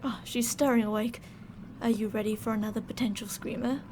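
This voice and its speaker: A woman plays a controlling mad scientist in an ASMR audio drama, a sweet-talking, fretful captor who is sugary and polite yet ready to turn stern and commanding. Her voice is a little high and a little fast with fairly even intonation, close to everyday speech, and her mood is businesslike and slightly worried. The background is noisy.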